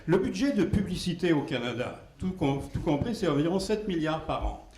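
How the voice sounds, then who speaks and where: A man speaking at a conference question period, making a deliberate, argumentative point with fillers. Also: on the high side, lively intonation, darkish tone. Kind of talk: Q&A discussion. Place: conference hall. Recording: echoey hall with faint noise.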